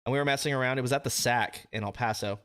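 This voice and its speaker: A man's voice: medium pitch, fast talker, fairly bright tone, smooth. Laid-back young man hosting a podcast. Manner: laughs often, swears casually. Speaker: podcast host. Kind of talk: casual chat.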